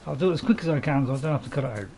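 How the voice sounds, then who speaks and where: A man's voice: on the high side, expressive, racing, mellow, a little hiss or hum. A man giving rambling, casual commentary as he plays a video game. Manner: rambling, chuckling asides. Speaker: gamer recording a playthrough.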